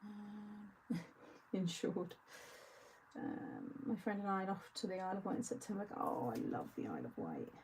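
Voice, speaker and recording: A woman hosting a cosy craft-along talks in a warm, mellow voice with a gravelly edge. She chats casually and answers viewer comments between craft steps. There is a faint hiss behind her. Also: medium pitch, wildly swooping pitch, normal speed, rough recording. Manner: chatty, reads viewer comments aloud and answers them. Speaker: craft show host.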